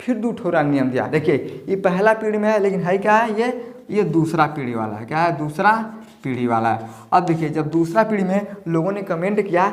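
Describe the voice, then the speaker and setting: A man's voice: sits high, expressive, a little fast. A man teaching a biology lesson at a board in a folksy, repeating key words back as questions. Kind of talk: blackboard lesson.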